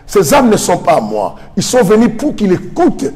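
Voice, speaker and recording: A man preaching a sermon, asking the congregation questions and answering them himself, sometimes shouting or singing a phrase. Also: high voice, wildly swooping pitch, moderate pace, long reverb tail. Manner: breaks into shouts and sung phrases.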